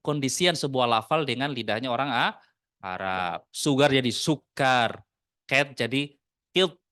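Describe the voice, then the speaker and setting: A man with an Indonesian accent teaching an Arabic class in a mosque study room, in a casual classroom manner, mixing Arabic phrases into relaxed Indonesian with joking asides. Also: medium pitch, no echo, clean studio sound.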